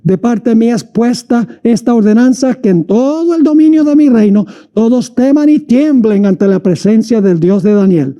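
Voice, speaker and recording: High, bright-voiced male pastor preaching. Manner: slows and stretches words when reading quoted lines aloud. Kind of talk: sermon reading scripture.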